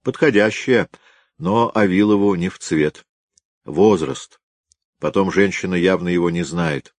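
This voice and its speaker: A brisk young field detective, matter-of-fact, pitched higher than the reader's own low voice, as a male narrator voices him. Dry close-miked reading. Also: no echo. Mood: reporting.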